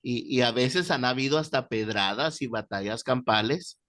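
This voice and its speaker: A man teaching a Bible class, telling stories with lively, animated delivery. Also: medium pitch, moderate pace. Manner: animated storyteller, shouting out quoted voices. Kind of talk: classroom lecture with storytelling.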